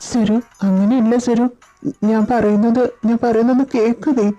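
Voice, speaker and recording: A shy young man stammers and pleads, caught between two others, as a woman plays him. The voice stays near her own mellow pitch. This is an audio story drama. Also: steady tone, unhurried, dull audio, faint music behind, natural voice. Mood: pleading. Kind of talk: audio story drama with one reader voicing all roles.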